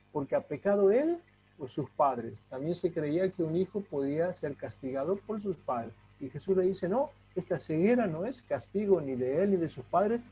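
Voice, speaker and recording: A man teaching a Bible lesson, emphatic, with rhetorical questions and drawn-out stressed words. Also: a little high, warm tone, slight background noise, rough recording. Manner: asks the class to help read.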